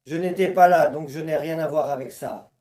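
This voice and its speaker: A man's voice: fairly high pitch, normal speed, a little mellow, close to an everyday voice. An actor playing a nervous friend who pleads that he had nothing to do with it. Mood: pleading. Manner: pleading, anxious, repeating himself.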